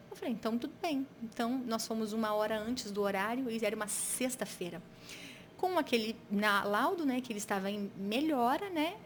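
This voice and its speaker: Earnest Brazilian woman pastor, higher voice. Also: a little hiss or hum. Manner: earnest, reflective, with frequent restarts. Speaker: interview guest. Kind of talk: personal storytelling in an interview.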